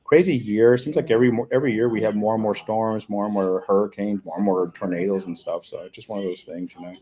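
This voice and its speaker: A man's voice: fairly low pitch, steady tone, quick pace, dark tone. A man hosting a casual livestream, rambling and repeating words as he reads and answers comments. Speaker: livestream host. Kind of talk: casual livestream chat reading viewer comments. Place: hotel room, indoors.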